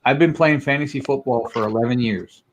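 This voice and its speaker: A man's voice: medium pitch, fairly quick, over a noisy crowd. Teasing man hosting a casual chat. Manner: teasing, joking, boastful. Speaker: podcast host.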